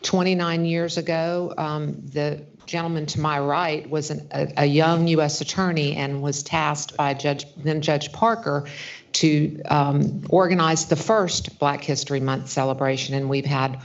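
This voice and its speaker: A woman's voice: low-pitched, steady tone, measured pace, highs cut off. A woman judge presiding as host, giving a formal welcome speech at a ceremony.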